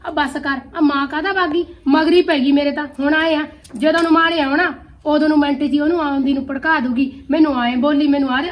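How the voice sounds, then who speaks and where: A woman playing a lazy, sharp-tongued young daughter-in-law who answers back defiantly in an amateur family skit. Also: high voice, highs cut off, close to an everyday voice. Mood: sulky. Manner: mocking, defiant retorts.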